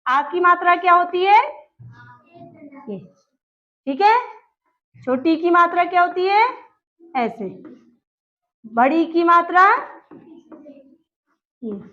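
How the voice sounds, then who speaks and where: A woman's voice: very high voice, lively intonation, takes it slowly, pauses often. A woman teaching a grammar lesson, explaining step by step and asking questions that she then answers herself. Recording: dull lo-fi recording.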